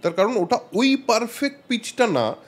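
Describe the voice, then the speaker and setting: A man's voice: extremely high pitch, big pitch swings, moderate pace, husky. A man hosting an interview, listening and summing up his guest's points in casual conversation. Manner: responsive, sums up the guest's points. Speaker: podcast host.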